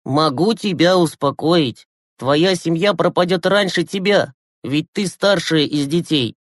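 A man reading an audiobook, voicing a gloomy, cynical teenage boy who speaks in a sharp, bitter way. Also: high voice, normal speed, no room sound, studio quality, pitched above the performer's own voice, lightly acted.

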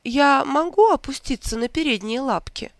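A reader doing a squeaky clever rabbit. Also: expressive, normal speed, no room sound, clean studio sound. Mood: eager. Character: clever talking rabbit, eager and polite.

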